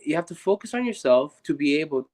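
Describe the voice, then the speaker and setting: Brief: young man from Guatemala, earnest and reflective, a touch high in pitch, stumbling restarts. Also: sing-song, fast talker, darkish tone. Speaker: guest. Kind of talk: casual conversation on a live stream.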